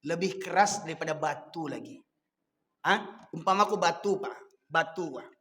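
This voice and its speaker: A man's voice: on the high side, normal speed, a bit bright, long reverb tail. A man with a Minangkabau accent preaching a sermon, fiery and scolding. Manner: fiery, scolding, switches between dialect and Indonesian.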